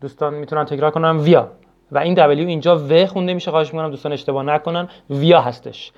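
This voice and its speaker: A man from Iran teaching a language lesson in a somewhat high voice, patient and formal, stopping often on hesitation sounds. He repeats each word slowly so learners can follow. The recording is dull and lo-fi. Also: fairly even intonation. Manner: formal polite address with many hesitation sounds.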